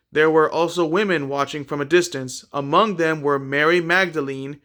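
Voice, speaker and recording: A man reading a Bible chapter aloud in a plain, unhurried way, with a few small slips and repeated words. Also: a little high, a bit bright, smooth. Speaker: scripture reader.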